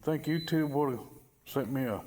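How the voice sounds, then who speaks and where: A man's voice: medium pitch, a little slow, darkish tone. A middle-aged man rambling wryly about his channel in a casual vlog, in a cold, dim work building. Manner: rambling, wry and self-deprecating. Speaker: channel owner.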